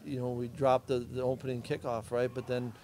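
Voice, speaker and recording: Middle-aged male coach, flat delivery, mellow tone, postgame presser answers. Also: medium pitch, brisk, slight background noise. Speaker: head football coach.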